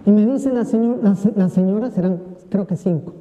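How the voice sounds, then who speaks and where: A priest giving a homily during Mass, telling a humorous personal story and acting out the voices of the people in it. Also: male voice, high-pitched, normal speed, mellow, long reverb tail.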